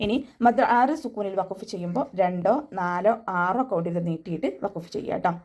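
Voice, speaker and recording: A young woman teaching Quran recitation in an online class, explaining each step patiently and adding gentle reminders. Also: mid-range voice, fairly quick. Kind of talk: online tajweed class instruction.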